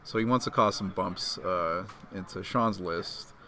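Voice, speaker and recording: A man co-commentating live on a tabletop miniatures game in a relaxed, agreeable way. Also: deep voice, measured pace, a little hiss or hum. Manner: relaxed, agreeable, chuckles often.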